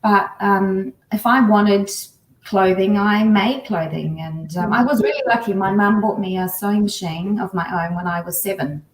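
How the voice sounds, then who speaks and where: A chatty woman answers interview questions in a relaxed, easygoing way, laughing now and then. She is heard over a video call from a roomy, echoing space. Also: medium pitch, moderate pace. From New Zealand. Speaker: guest artist.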